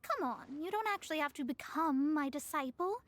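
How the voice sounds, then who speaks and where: Mona, a proud astrologer. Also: female voice, sits high, lively intonation, brisk, fairly bright tone. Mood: haughty. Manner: formal, self-assured, slightly lofty. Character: proud young female astrologer, haughty and formal. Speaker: game character. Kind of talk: dubbed game dialogue. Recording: faint game music behind.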